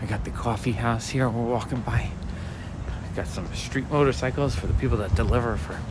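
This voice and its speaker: A livestreamer out for a night walk in the city talks to his audience at a normal speed, his mid-pitched voice raspy and soft. His commentary drifts easily from one subject to another, and his phone picks up clear traffic and street sounds all around.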